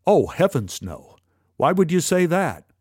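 A stern middle-aged boss, as a storyteller voices him, speaking firm and measured. His pitch sits a little above the narrator's usual voice. The man reading keeps the recording dry and close. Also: sing-song, a little mellow, slightly rough, no room sound, heavily acted.

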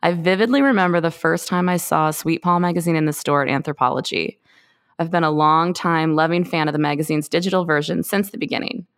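Gravelly woman reading a podcast intro. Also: sits low, brisk. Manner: upbeat, reading a prepared intro. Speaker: podcast host. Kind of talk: scripted show introduction.

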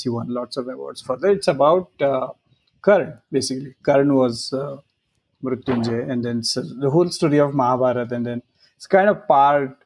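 Man, middle-aged, Marathi Indian accent, native Marathi speaker, medium pitch, casual halting podcast chat. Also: a little mellow, low-quality recording. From Maharashtra, India. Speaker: podcast participant.

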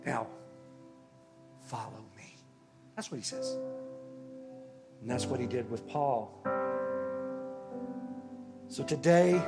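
A man preaching a sermon as pastor, earnest and unhurried, with long pauses and words that fall away softly. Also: medium pitch. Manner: slow, earnest preaching with long pauses and soft drops in volume.

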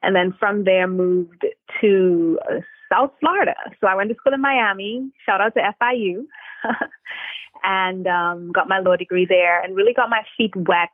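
Joining a podcast interview remotely, a woman from Trinidad and Tobago who works as an immigration attorney shares her story with earnest fillers. Her voice is medium-pitched at a normal speed. It comes over a tinny phone line with no room sound.

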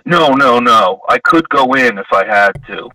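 A man's voice: medium pitch, animated, unhurried, a crowd in the background. A man calling into a podcast over a phone line, chatting in an easygoing, upbeat way. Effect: heard over a phone line. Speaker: caller. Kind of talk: casual chat. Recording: distant call-in phone audio.

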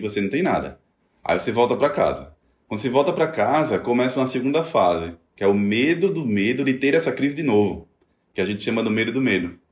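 A middle-aged man tells his own story in conversation. He talks in an animated way and acts out the voices he quotes. His voice carries a roomy echo. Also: lowish voice. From Brazil. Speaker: guest telling his story. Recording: echoey room.

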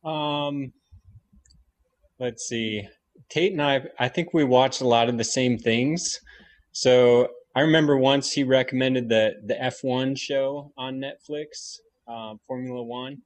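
A man's voice: mid-range voice, steady tone, slow pace. Easygoing man thinking aloud. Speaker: podcast co-host. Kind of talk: casual roundtable chat.

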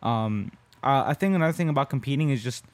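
A jiu-jitsu competitor co-hosting a casual podcast talks about his sport in a medium-pitched, animated voice at a quick pace. He's conversational and keeps checking in with listeners with "right?" There's no room sound.

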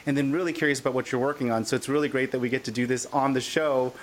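A man's voice: medium pitch, steady tone, rapid-fire. Upbeat male podcast host. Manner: enthusiastic, chatty with fillers. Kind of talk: casual interview chat.

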